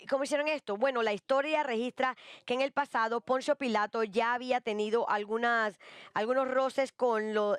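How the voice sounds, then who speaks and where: A woman's voice: a little high, clear, resonant tone, no echo. A woman giving a live interpretation of a sermon, hesitant, with frequent fillers and restarts.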